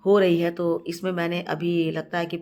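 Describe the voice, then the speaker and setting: A woman with a heavy, stuffed-up voice from a cold hosts a casual gardening tutorial from her terrace garden. She talks in a chatty way, repeats words and often pauses on fillers. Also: on the low side, flat delivery, background noise. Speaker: gardening channel host. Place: home terrace garden, outdoors.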